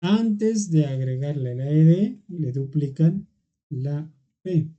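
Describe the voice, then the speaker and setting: A patient teacher explaining grammar in an online class, speaking slowly and unhurriedly. The voice is very dark and mellow. They go step by step and keep checking in with the class. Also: medium pitch, expressive, dull audio. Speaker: English teacher.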